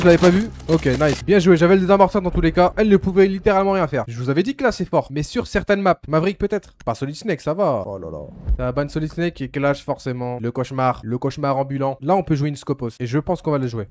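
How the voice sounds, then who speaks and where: A man giving excitable, slangy live commentary to his viewers while playing a shooter game. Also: fairly high pitch. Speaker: gaming YouTuber.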